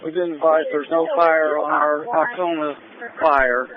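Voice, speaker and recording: A man's voice: a little high, fairly even intonation, unhurried, crowd noise. A man speaking urgent firefighter radio traffic over a two-way radio. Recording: noisy, phone-like two-way radio transmission.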